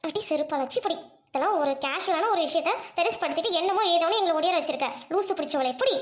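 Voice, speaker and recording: A woman's voice: very high-pitched, lively intonation, quick pace, voice pushed down. A woman doing a brash, scolding college girl. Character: bossy young college girlfriend, brash and scolding. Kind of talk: Tamil audio drama acting.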